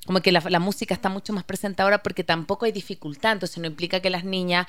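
A woman from Chile, co-hosting a podcast and chatting in a lively, storytelling way. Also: lowish voice, fast talker. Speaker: podcast co-host. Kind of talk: casual podcast chat.

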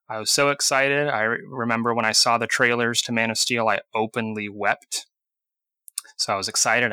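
A man's voice: on the low side, sharp tone, dry recording. A man in his thirties, co-hosting a podcast in casual chat, wry and joking as he tells stories. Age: 30s. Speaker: podcast co-host.

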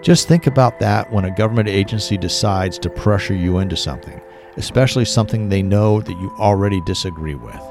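A man's voice: deep voice, moderate pace. A man voicing a paranoid middle-aged former tech worker who talks urgently and insistently, with music behind. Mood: agitated.

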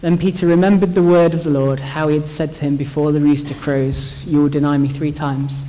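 Young guy chatting through a bible passage, kinda high voice, lots of restarts, big echoey hall. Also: flat delivery, a little fast, dark tone. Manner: chatty, jokey, thinks aloud with restarts. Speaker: church speaker. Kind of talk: informal Bible talk. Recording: long hall reverb.

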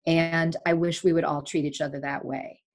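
Her low-pitched voice keeps a normal speed as she talks candidly and emphatically. The speaker, a longtime Sri Lankan broadcaster and podcast host in her forties, is a guest in a relaxed remote interview, and she comes across as a lively storyteller through the call audio.

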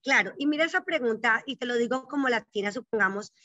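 A woman in her thirties talks through her experience as an interview guest, pressing her points with steady emphasis. Her voice sits high. The sound is dry and slightly dull, as if from a modest microphone. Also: quick pace, dry recording. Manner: emphatic, repeats questions like "¿cierto?". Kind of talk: earnest conversational storytelling.

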